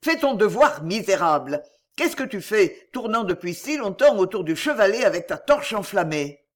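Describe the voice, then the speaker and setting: A man reading aloud, voicing a cruel Roman judge who shouts in exasperation. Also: high-pitched, big pitch swings, unhurried, heavily acted. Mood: furious.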